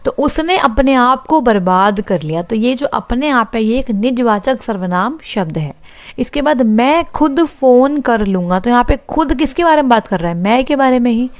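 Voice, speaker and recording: A young woman teaches an online exam-prep grammar class. Her voice sits a little high and sounds dry and close to the mic, with no room around it. She reads each example sentence aloud, then asks the class a question and answers it herself. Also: animated, normal speed, no room sound.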